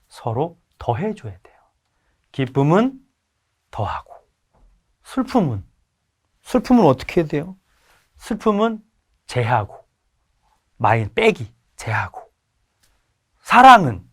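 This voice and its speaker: A middle-aged man giving a mind lecture to elderly listeners, telling stories with acted-out dialogue and putting questions to the audience. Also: medium pitch. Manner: animated storytelling, acting out dialogue, asking the audience questions. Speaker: lecturer at a senior college.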